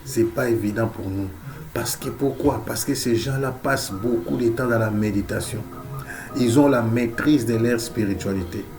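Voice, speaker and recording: A slightly mellow, medium-pitched male voice at a moderate pace carries this sermon, spoken in a Central African French accent by a preacher who has a cold. Emphatic and repetitive, he keeps returning to key phrases and calls out amen and alleluia often. Faint music lingers behind.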